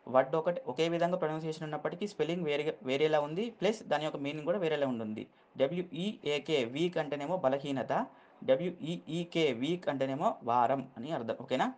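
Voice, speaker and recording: A man's voice: mid-range voice, a little mellow. A man teaching English vocabulary, spelling words letter by letter and checking in with the learner often.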